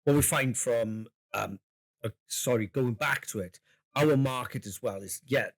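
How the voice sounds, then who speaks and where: A man's voice: medium pitch, unhurried. A man co-hosting a podcast in casual chat, rambling and jokey, laughing often and swearing casually. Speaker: podcast co-host.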